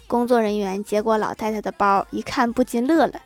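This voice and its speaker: A woman hosting a comedy podcast, reading out jokes with an animated delivery and chuckling at her own punchlines. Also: mid-range voice, brisk. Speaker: podcast host.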